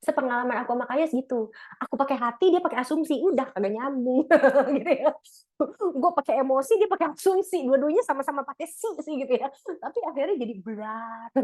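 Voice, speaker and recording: A woman's voice: high voice, a little mellow. A middle-aged woman, giving a casual talk to a church couples' group, chatty, slangy and laughing often. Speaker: speaker at a church couples' fellowship.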